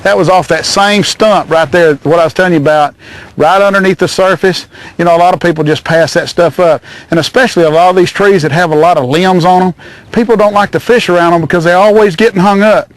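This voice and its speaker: Excitable man fishing from a boat. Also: sits high, fast talker, dry recording. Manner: excitable, hollers and coos at the fish. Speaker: fishing show host. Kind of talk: excited outdoor fishing commentary. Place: small boat on a lake outdoors.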